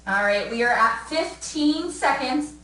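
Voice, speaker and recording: A breathless young woman coaches a home workout class, upbeat and encouraging as she calls out cues and counts down. Her voice sits a touch high and bounces around an echoey room, picked up from some distance away. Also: expressive, a little slow, bright, forceful tone. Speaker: fitness instructor. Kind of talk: live fitness class cues.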